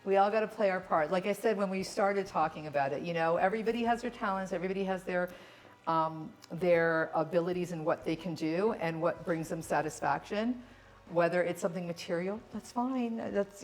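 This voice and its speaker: A woman's voice: fairly low pitch, moderate pace, low-quality recording. A woman from Toronto, a communication coach guesting on a cooking show, explaining her work earnestly in long, flowing sentences. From Toronto, Canada. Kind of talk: casual interview chat.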